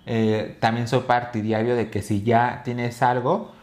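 A man's voice: medium pitch, little pitch movement, unhurried, darkish tone. A young man with a Mexican accent, co-hosting a podcast and telling stories in a rambling way, full of fillers and restarts. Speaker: podcast co-host. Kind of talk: casual chat.

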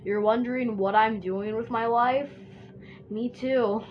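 A woman talks to her viewers while drawing, in a slow, unhurried ramble that keeps circling back on itself. She jokes around and scatters "like" through nearly every sentence. The sound is dull and muffled, with a steady hiss of noise underneath. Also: on the high side. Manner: chatty and joking, says "like" constantly. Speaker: vlogger drawing on camera. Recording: dull, noisy home recording.

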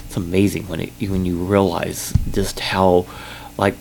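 A Kentucky man with a Southern accent hosts his own casual solo podcast update, speaking into a sensitive studio mic. His low, gravelly voice with vocal fry gets loud at times, and he rambles unhurriedly in a flat tone, full of ums, restarts and self-corrections. The audio is poor, with slight background noise.

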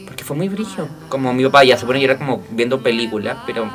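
A man with a Chilean accent, chatting as podcast co-host and telling a story in a slangy, animated way. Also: mid-range voice, fast, over music. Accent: Chilean Spanish. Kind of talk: casual chat, storytelling.

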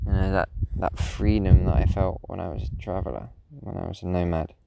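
A man's voice: low voice, fairly even intonation, brisk, vocal fry, rough recording. A man in his late twenties talking alone in a rambling, reflective monologue as a podcast host, sleepy and yawning. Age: 20s. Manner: rambling, musing, frequent self-restarts. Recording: loud background noise.

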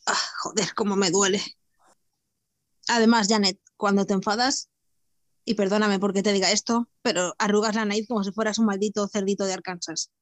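A woman's voice: mid-range voice, fairly even intonation, a little fast, no room sound. A woman from playing a tabletop role-playing game, weary and swearing in character. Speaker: player.

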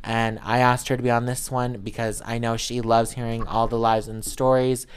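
A woman's voice: very deep voice, flat delivery, moderate pace, clean tone. A young woman from Montana hosting a podcast in casual, joking, self-deprecating chat. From urban Montana, United States. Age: young adult. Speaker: podcast host.

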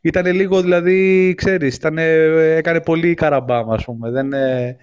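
A man's voice: on the high side, steady tone, smooth, highs cut off. A man calling in to a casual chat show, talking about basketball with many fillers and restarts. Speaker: caller.

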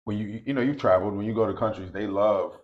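A man's voice: on the low side, fast talker, lo-fi sound. A man co-hosting a podcast in casual chat, making his points with emphasis and repeating them. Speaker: podcast co-host.

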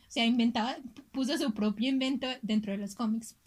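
A woman with a high voice leads a casual podcast chat. She tells her story in a chatty, gossipy way. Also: fairly quick, darkish tone. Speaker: podcast co-host.

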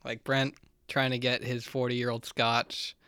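A man co-hosting a podcast in loose, rambling talk full of filler words. His voice sits in a middle pitch, and the recording is dry and close. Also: flat delivery, measured pace, pushed and bright, clean tone, dry recording. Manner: casual, rambling, full of "like" and "just". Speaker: podcast co-host. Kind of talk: casual chat.

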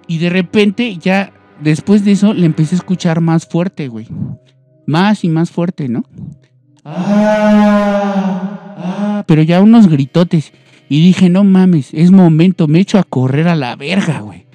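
Young Mexican guy spinning a spooky tale for his friends, high and mellow. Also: measured pace, no room sound, faint music behind. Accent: Mexican Spanish. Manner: animated, acts out voices and screams, heavy slang. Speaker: storyteller guest. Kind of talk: casual chat, telling a ghost story.

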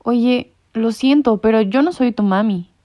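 A woman's voice: fairly high pitch, a little slow, lightly acted. A woman voicing a big male tomcat who speaks in a dry, ironic way. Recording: muffled lo-fi recording.

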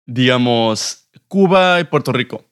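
A man's voice: medium pitch, lively intonation, measured pace, clear, resonant tone. Slangy young northern Mexican man. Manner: slangy, informal, swearing. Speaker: podcast co-host. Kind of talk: casual chat.

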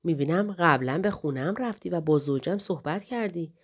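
A woman reading the part of a revered older male scholar in an audiobook, speaking softly and slowly with a kindly, grieving manner. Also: lowish voice, animated. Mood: wistful.

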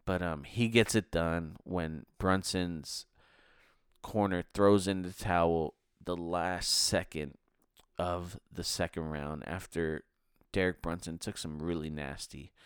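A man's voice: sits low, smooth, no room sound, clean studio sound. A man hosting a podcast, giving a casual, chatty rundown of fight results and chuckling now and then. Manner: chatty, laughs between results. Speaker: podcast host. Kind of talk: casual fight review monologue.

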